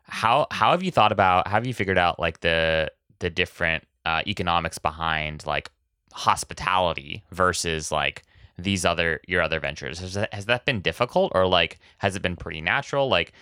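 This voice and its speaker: A man's voice: low-pitched, pushed and bright, clear, resonant tone, no room sound, clean studio sound. A man hosting a podcast in a casual interview, asking long rambling questions packed with filler words. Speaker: podcast host.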